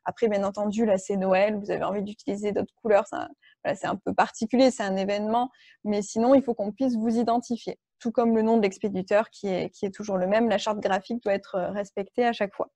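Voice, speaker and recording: A woman's voice: mid-range voice, steady tone, fast, warm tone, no echo. A woman leading an online workshop, explaining step by step with frequent fillers and restarts. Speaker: workshop trainer.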